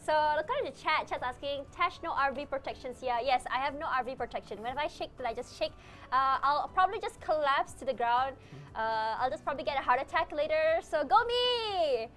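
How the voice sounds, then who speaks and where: A young woman hosting a live tech show, giddy and jittery on an energy drink, talking fast with lots of laughing and jokes. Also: sits high, fairly bright tone. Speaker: host.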